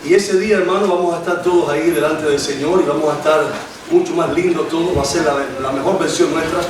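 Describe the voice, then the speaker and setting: This lay preacher from Cuba, a man in his forties, talks fast in a fairly high, steady voice, delivering a sermon with prayer in Cuban-accented Spanish. His informal, hesitant delivery is full of restarts. The clip comes from an echoey church hall, recorded on a distant mic over noisy background sound.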